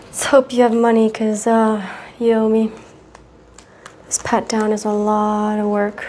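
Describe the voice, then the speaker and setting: A young woman playing a bossy, teasing airport security officer in a soft-spoken ASMR ASMR role-play, giving curt commands. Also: mid-range voice, completely flat delivery, unhurried, natural voice. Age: 20s. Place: small plain indoor room. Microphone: clip-on mic at the collar. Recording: hissy noise with clicks.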